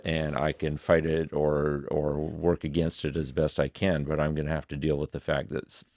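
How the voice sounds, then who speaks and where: A middle-aged musician and video creator thinks aloud in a reflective vlog from his home music studio. His deep voice carries vocal fry, captured on a desk studio microphone with no echo.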